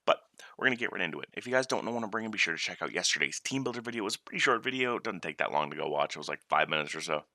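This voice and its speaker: Man with a very low, sharp voice. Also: animated, racing, hardly any pauses, dry recording, studio quality. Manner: chatty and loose, with filler words and restarts. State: groggy morning voice, just woke up. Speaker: YouTuber commentating his own online battle. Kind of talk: casual gameplay commentary.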